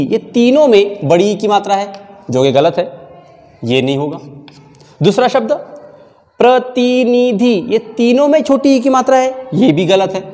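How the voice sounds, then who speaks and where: A male teacher, explaining correct spellings and repeating words slowly, syllable by syllable. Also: high-pitched, darkish tone. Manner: mixes in Marathi phrases. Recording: long hall reverb.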